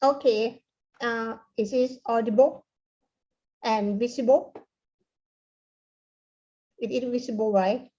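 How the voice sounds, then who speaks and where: A woman with a Thai accent and Thai as her first language gives a conference presentation, speaking haltingly and repeating words. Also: fairly high pitch, fairly even intonation, mellow. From Thailand. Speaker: keynote speaker, university lecturer. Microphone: online conference call. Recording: dull, lo-fi online call audio.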